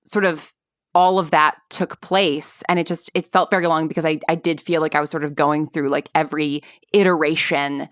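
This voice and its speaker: This woman in her thirties is a podcast guest who makes and acts in audio dramas, telling rambling, casual stories full of fillers like "like" and "sort of." Her voice is low and steady, at a normal speed, captured dry with studio quality.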